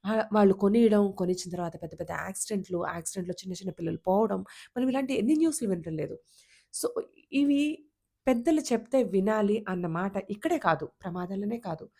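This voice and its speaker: Narrating a folk tale for kids, this woman's mid-range, gravelly voice moves fast and stays lively and conversational, swelling and dipping expressively as events unfold. The story then gives way to sincere guidance for parents.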